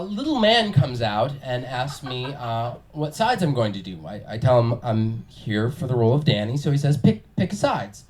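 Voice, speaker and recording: A man telling a comic anecdote on stage with a halting, wry build-up. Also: on the high side. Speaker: comic storyteller. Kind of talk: comic storytelling to an audience.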